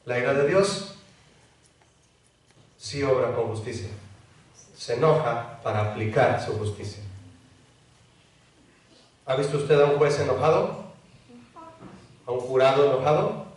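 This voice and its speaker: A pastor preaching a sermon, acting out the voices of a pleading child and a parent. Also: male voice, mid-range voice, a little slow, long pauses. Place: church hall. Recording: very echoey hall, mic far off.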